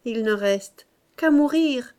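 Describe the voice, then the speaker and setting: Brief: tormented aging master painter, burly and self-doubting, read by a woman, slow unhurried delivery, audiobook. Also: on the high side, lively intonation, darkish tone, voice pushed up. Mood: despairing. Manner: pleading, tormented outbursts. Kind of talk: audiobook character voice.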